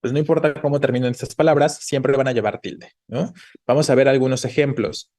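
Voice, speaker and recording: A man's voice: medium pitch, fairly even intonation, a little fast, darkish tone. Patient male teacher. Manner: patient, checks in often with tag questions. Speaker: Spanish teacher. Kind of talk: online class explanation.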